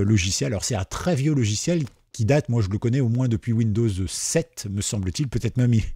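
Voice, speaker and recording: Relaxed man demoing software. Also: medium pitch, slightly rough, no echo, clean studio sound. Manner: relaxed, chatty, many fillers. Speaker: tutorial host. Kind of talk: screen-recorded software tutorial.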